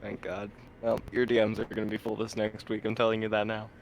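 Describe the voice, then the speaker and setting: A man's voice: lowish voice, monotone, fairly quick, gravelly, slight background noise. A man playing a tabletop game, bantering casually between actions.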